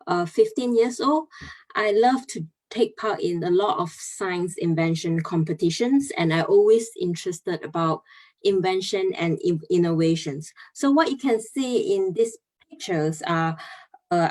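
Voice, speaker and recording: A woman's voice: mid-range voice, a little mellow. A young woman from Malaysia, presenting earnestly over a video call and explaining step by step. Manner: earnest, explaining step by step with many pauses and fillers. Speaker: chemical engineer giving a talk.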